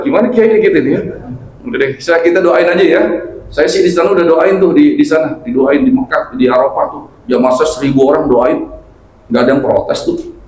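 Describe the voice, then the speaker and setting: A middle-aged man giving a humorous religious study talk in a mosque hall, telling stories with lively quoted voices. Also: fairly high pitch. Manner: storytelling with animated quoted voices and laughter. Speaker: kiai preacher. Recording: echoey hall, faint ambience.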